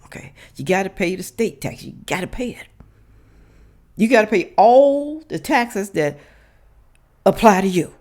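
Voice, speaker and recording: A woman gives blunt, emphatic, casual commentary to her viewers, repeating herself, her words slurred as if speaking without her dentures in. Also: a little high. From United States. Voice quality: slurred, toothless speech from missing dentures. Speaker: reaction video host.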